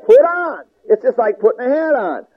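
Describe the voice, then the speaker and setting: A man's voice: very high voice, very animated, moderate pace. A man preaching a sermon in an emphatic, folksy, repetitive way, stacking up short phrases. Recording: tinny lo-fi radio broadcast.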